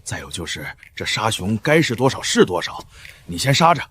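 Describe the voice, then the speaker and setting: A man voicing an eager, courteous middle-aged tavern keeper who deals politely and in a businesslike way, in an animated drama. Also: lowish voice, a little fast, a little hiss or hum, voice pushed down. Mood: accommodating.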